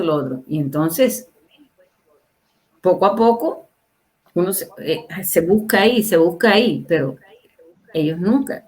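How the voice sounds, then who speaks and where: An older woman in her sixties talks at length as a guest on a livestream interview. She keeps up a casual, opinionated flow and presses her points home by firing rhetorical questions at her listeners. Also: on the low side. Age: 60s. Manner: emphatic, asks the audience rhetorical questions.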